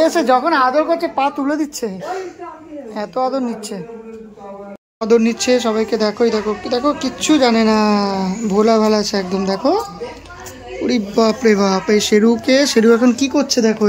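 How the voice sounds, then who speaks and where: A woman pet vlogger narrating casually to viewers, cooing at her dog in soft baby talk. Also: a little high, normal speed.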